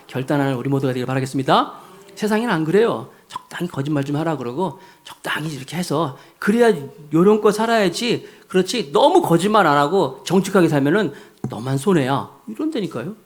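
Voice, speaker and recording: A middle-aged man preaching a Sunday sermon, telling a story with acted dialogue and emphatic rises. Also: on the high side. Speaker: pastor.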